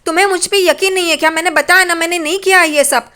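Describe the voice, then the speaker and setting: Woman playing a wronged young wife, pleading, insistent, high bright voice. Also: steady tone, quick pace.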